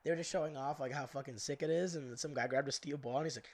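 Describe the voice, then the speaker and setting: A man's voice: medium pitch, fast talker, over a noisy crowd. A young man co-hosting a loose podcast, his voice congested. He rambles through his points with constant fillers and casual swearing. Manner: profane, rambling, lots of fillers. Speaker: co-host.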